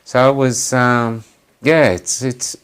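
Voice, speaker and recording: A man, a guest on a chat stream, telling road anecdotes in a lively casual way and laughing often. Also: mid-range voice, slow pace, clear, resonant tone. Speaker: guest, traveling activist.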